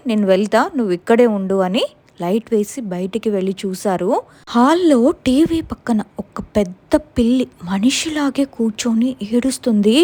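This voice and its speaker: A young woman with a Telugu accent tells her own ghost story. Her voice sits fairly high, and she recounts it in an earnest, tense way. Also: warm tone. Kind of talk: first-person ghost story narration.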